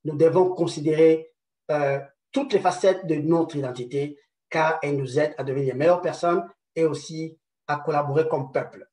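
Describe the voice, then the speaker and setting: Male presenter, higher side, hesitant, lots of fillers and restarts, rhetorical asides; echoey room, mic set back. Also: steady tone, normal speed, warm tone, distant mic. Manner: hesitant, many repeated words and fillers; rhetorical "n'est-ce pas" tags. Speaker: conference speaker. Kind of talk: presentation lecture.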